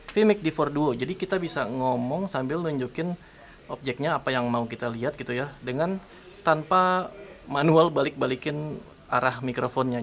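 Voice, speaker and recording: A man's voice: medium pitch, a bit bright, slight background noise. A man with an Indonesian accent, talking casually to camera outdoors while he tests a camera-top microphone aloud. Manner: chatty, testing mic aloud. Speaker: tech reviewer. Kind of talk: casual vlog demo. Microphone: camera-top microphone, turned front and back.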